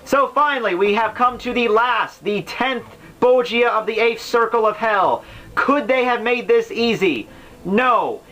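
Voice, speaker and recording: Pitched extremely high, this male host sounds animated yet a little slow, with a pushed, bright quality. Unscripted and casual, his book summary commentary rambles along in slang, laced with exaggerated exasperation.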